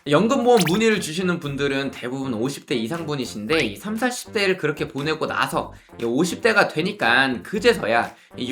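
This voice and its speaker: Man, 30s, insurance planner, persuasive explainer talk, very animated pitch, clear background music. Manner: lively, persuasive, asks rhetorical questions.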